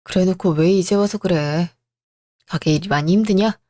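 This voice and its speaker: A favored elder brother who talks down to his younger sibling in a placating way, voiced by a woman. He sounds smooth and self-satisfied. It is a close, dry radio-drama read. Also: lowish voice, normal speed, mellow, dry recording, lightly acted. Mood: condescending. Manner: condescending, placating.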